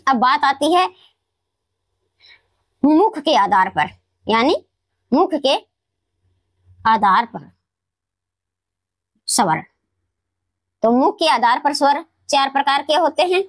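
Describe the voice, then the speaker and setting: A woman teacher explaining grammar in a classroom lesson, repeating key words slowly and answering her own questions. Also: high voice, very animated, dry recording. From Rajasthan, India. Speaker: Hindi teacher.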